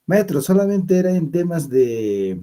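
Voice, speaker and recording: A man with a very dark, mellow voice, a participant on a video call in an online class. He talks politely and somewhat hesitantly, restarting his phrases. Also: on the high side, big pitch swings, measured pace. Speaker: course participant.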